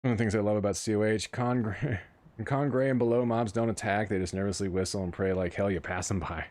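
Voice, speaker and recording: Deep-voiced, cussing male game streamer. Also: steady tone, fast, a little mellow. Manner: profane, joking banter. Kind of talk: live gaming commentary.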